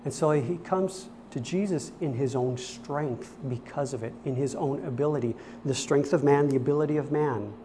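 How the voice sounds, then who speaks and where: Earnest preacher guy, kinda high voice, says things twice to drive them home, slow and deliberate. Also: warm tone, slight background noise. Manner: earnest, repeats phrases for emphasis. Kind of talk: sermon.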